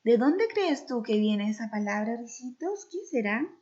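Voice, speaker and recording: A woman teacher reading a children's story aloud and then asking the class questions, in a sing-song, expressive way. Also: a little high, a little slow. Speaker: primary school teacher. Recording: slightly dull lo-fi recording.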